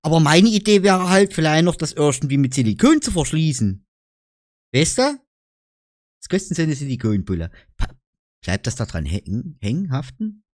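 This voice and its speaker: A man's voice: on the high side, big pitch swings, moderate pace, darkish tone, dry recording, clean studio sound. A man with a Saxon German accent chatting casually in a vlog, joking around and explaining dialect words with frequent "ne?" tags. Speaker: YouTuber.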